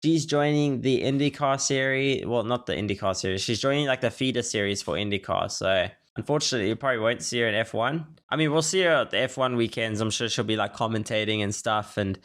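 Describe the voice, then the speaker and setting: A chatty man in his late twenties gives casual reaction commentary as the host of his own channel. His talk rambles loosely, full of "like" fillers and quick corrections. His voice sits at an ordinary middle pitch. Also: a bit bright. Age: late 20s.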